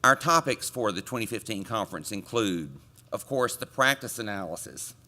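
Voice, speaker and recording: A man chairing a committee, delivering a conference report from a podium microphone with relaxed joking asides to the audience. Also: fairly low pitch, moderate pace. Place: conference meeting room.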